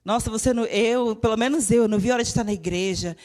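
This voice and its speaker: Young Brazilian woman preacher, lively and emotional, in a church. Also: a little high, fast. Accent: Brazilian Portuguese. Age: young adult. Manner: lively and emotional, with laughter and mimicked voices. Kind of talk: sermon.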